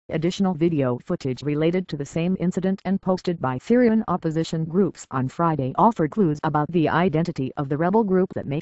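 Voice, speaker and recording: A news reader delivering a scripted report in an even, measured way. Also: mid-range voice, no echo, highs cut off. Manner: even, measured read of a written wire story.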